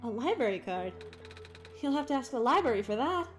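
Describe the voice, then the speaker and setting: A cheerful, flustered young inventor from a video game, read aloud by a woman. The voice sits high and bright, friendly, chatty and quick to apologize. Soft music plays faintly behind. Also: big pitch swings. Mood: apologetic, friendly. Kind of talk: reading game dialogue aloud.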